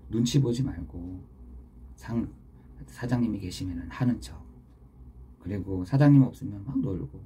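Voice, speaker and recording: A middle-aged man preaching an early morning devotional sermon as pastor, earnest, with sudden loud stresses and soft near-whispered asides. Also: medium pitch, vocal fry, breathy edge.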